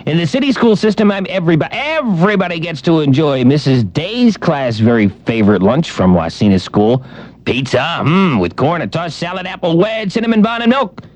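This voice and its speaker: A man's voice: a little high, sing-song, moderate pace, a little mellow. A man hosting a morning radio show, joking and rattling off times, weather and scores.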